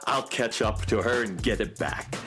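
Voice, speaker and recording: A man's voice: on the low side, normal speed, close to an everyday voice. A man playing an eccentric, cheerful handyman inventor in a whimsical, theatrical children's radio comedy style. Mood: cheerful, musing. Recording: music behind the voice.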